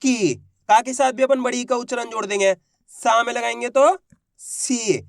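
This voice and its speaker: A patient man leads a beginners' reading lesson, asking a question and then answering it himself. He sounds out each syllable slowly and draws the long vowels out. His voice is close and dry, with no room sound. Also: extremely high pitch, steady tone, vocal fry, no echo. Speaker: Hindi teacher.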